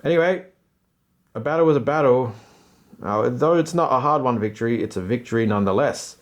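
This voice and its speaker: A man hosts and plays a solo tabletop game, offering casual running commentary full of slangy, self-deprecating asides. His voice is mid-range and his delivery brisk.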